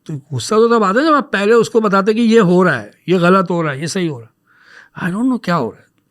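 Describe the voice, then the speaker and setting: A man with a notably high voice tells a personal story in a relaxed podcast conversation. He is anecdotal and lively, and acts out the dialogue as he goes. English words slip into his speech now and then. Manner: animated, acts out dialogue when retelling.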